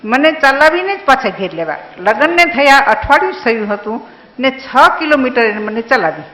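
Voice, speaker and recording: Older woman telling gentle stories. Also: high-pitched, animated, moderate pace, reverberant, low-quality recording. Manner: gently humorous storytelling. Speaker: speaker's wife giving a tribute. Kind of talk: personal reminiscence speech.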